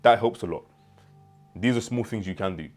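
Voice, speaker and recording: A man's voice: lowish voice, normal speed, a little mellow, soft background music. A young man giving earnest motivational advice straight to camera, repeating words and restarting as he goes. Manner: earnest and advising, with repetitions and restarts. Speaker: self-improvement creator.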